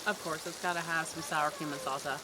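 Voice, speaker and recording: A woman co-hosts a camping vlog in friendly, chatty talk. Her voice sits a bit low. Outdoor noise hums beneath her camera audio. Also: fairly even intonation, brisk. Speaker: vlog co-host. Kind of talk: casual vlog chat. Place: outdoor campsite.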